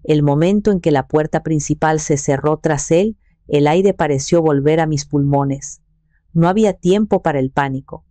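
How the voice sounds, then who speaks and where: A woman telling a dramatic story in the first person as a calm, scripted narration. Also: deep voice, moderate pace, no echo.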